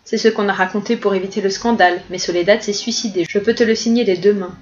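A woman's voice: mid-range voice, steady tone, quick pace, natural voice. A woman reading a novel aloud, voicing an indiscreet gossiping society woman who confides eagerly, in slightly dull audio. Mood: confiding.

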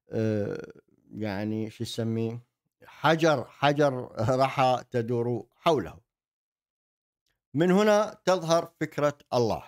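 A man explains ideas in a monologue, haltingly, often repeating himself as he searches for words. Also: medium pitch, darkish tone, clean tone. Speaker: host, commentator. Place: indoor desk setup with virtual backdrop. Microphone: desk microphone on an arm.

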